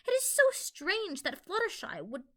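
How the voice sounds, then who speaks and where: A woman's voice: very high voice, very animated, moderate pace, pushed and bright, pitched above the performer's own voice, exaggerated voice. A woman voicing a flustered young female unicorn in a fan audio play.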